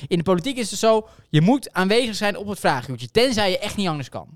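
A man's voice: high-pitched, expressive, fast talker, a little hiss or hum. A man co-hosting a casual comedic podcast, ranting in mock anger and laughing. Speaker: podcast co-host.

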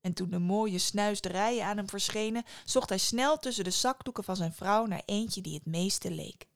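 A woman narrating a fairy tale with a lively, expressive reading. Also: mid-range voice, moderate pace. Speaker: storyteller.

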